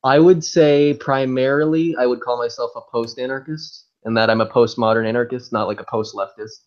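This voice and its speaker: A young man from Chile, a guest on a podcast. He talks in a relaxed, chatty way and leans on "like" a lot. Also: medium pitch, a little fast. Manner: relaxed, chatty, uses "like" often. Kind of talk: casual remote podcast chat. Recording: dull lo-fi remote call audio.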